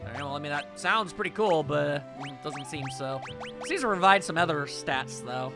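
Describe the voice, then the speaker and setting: Let's play host, mid-range voice with lively swings, wry casual commentary over clear game music. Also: medium pitch, moderate pace. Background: video game music.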